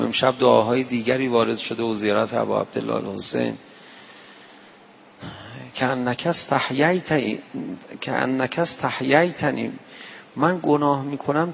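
Recorded in an echoey, dull hall with slight background noise, this man from Tehran preaches a night-prayer sermon in a Tehran Persian accent. His medium-pitched voice has vocal fry, and his folksy, conversational delivery includes acted-out dialogue from his anecdotes.

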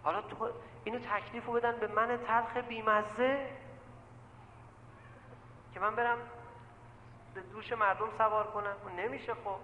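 High bright-voiced guy preaching in a roomy hall, lots of echo, keeps talking right at the crowd. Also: pauses often, lo-fi sound, slight background noise. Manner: animated, often addresses the listeners directly as "sir"; repeats phrases for emphasis. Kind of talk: sermon with storytelling. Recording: echoey hall with long reverb.

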